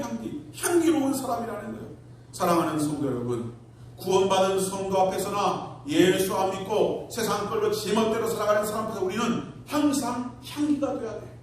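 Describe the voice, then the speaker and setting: A male pastor preaching a sermon to his congregation, telling a story with acted-out quotes and building to emphatic peaks. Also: high voice. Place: church sanctuary. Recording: echoey hall from far off, faint room noise.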